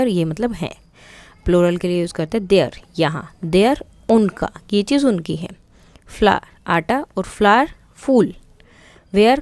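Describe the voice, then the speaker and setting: An Indian-accented woman walks pupils through a lesson at a calm, patient pace. Her voice sits at a middle pitch. She reads the English lines slowly and clearly. The sound is dry and close, with no room echo. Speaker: teacher. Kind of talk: explaining a school English lesson in Hindi and English.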